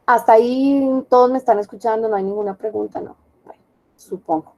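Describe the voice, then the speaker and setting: A woman's voice: fairly high pitch, brisk, dark tone, poor audio. A woman teaching an online class, explaining step by step and often checking with her students. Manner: explanatory, checks understanding with questions.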